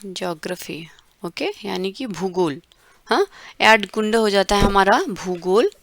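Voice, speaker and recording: A woman from India teaching an online German lesson, breaking words into syllables and repeating them slowly. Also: mid-range voice, slight background noise. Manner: slow, syllable-by-syllable pronunciation drills.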